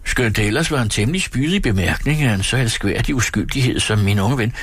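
A man reading an audiobook, voicing a charming, restless young gentleman who talks in a brisk, lightly mocking way. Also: mid-range voice, expressive, breathy edge, dry recording, pitched above the performer's own voice.

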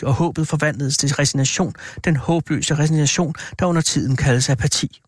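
A man narrating a horror tale as an audiobook, in a measured, deliberate way. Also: a little high, no room sound, clean studio sound.

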